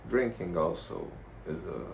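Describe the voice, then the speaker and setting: A man giving a casual, rambling vlog monologue in a blunt, profane, halting way. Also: deep voice, animated, gravelly. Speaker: vlogger. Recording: noticeable background noise.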